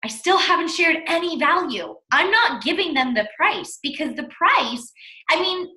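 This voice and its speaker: A woman's voice: very high-pitched, animated, normal speed, sharp tone. A woman giving a casual coaching talk as a fitness coach training her team, blunt and emphatic, repeating words for stress. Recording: echoey room.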